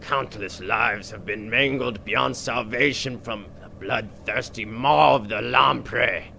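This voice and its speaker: A man playing a gravelly grumpy boat captain. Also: lowish voice, sharp tone, slight background noise, exaggerated voice. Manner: grumbling, flowery and sarcastic. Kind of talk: amateur comedy audio drama.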